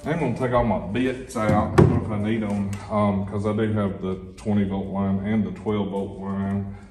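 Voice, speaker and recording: A middle-aged man with a voice on the low side, little pitch movement and a moderate pace gives a casual tour of his tool box. He explains things plainly, with a few fillers, inside a large empty shop building under construction. Loud music plays behind him in the echoey space.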